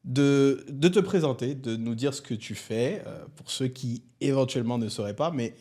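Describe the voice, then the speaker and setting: A man hosting a podcast, relaxed and casual, often repeating his words. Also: medium pitch, normal speed. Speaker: podcast host.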